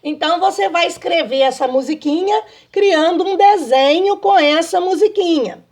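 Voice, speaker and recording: A woman's voice: very high voice, normal speed, darkish tone. A woman teaching a remote lesson to young children, in a patient sing-song manner, checking often that they follow. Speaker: primary school teacher.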